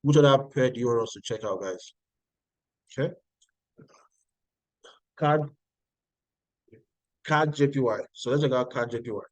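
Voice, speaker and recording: Speaking at a measured pace with frequent pauses, a man with a Nigerian accent and mid-range voice offers live-stream market analysis, going over charts and answering viewers' chat messages. The audio is dry and of poor quality.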